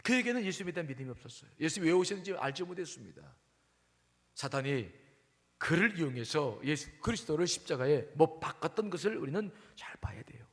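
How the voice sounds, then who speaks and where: A male pastor preaching a sermon emphatically, questioning the congregation and moving between loud and hushed delivery. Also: on the high side, big pitch swings, quick pace. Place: church sanctuary. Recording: long hall reverb.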